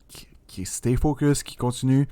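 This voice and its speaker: A young man with a Quebec French accent, co-hosting a casual film podcast, animated and full of fillers, dropping in English words. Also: medium pitch, moderate pace, dry recording. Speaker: podcast co-host.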